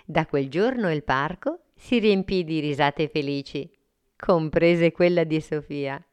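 A woman reads a children's story slowly and calmly, her voice low and smooth. The recording is dry and close, with no room behind her. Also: dry recording. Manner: slow, calm, clear.

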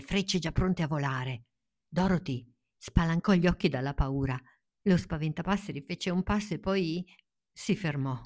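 Soft spoken woman reading a bedtime fairy tale, deep voice, takes it slow. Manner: gentle, soothing, dropping to a hush in tense moments. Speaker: storyteller. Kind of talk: scripted storybook narration.

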